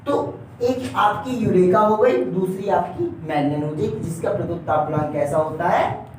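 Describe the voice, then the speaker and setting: A man's voice: high-pitched, moderate pace, a little mellow, far from the mic. A man teaches an exam-prep class, constantly tagging his points with a questioning "right?" and addressing his students fondly. His voice rings around a hard, very echoey room. The mic sits well away from him, with a faint hum underneath. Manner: keeps adding a questioning "right?" tag and calls the viewers dear children. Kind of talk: exam-prep lesson at a board.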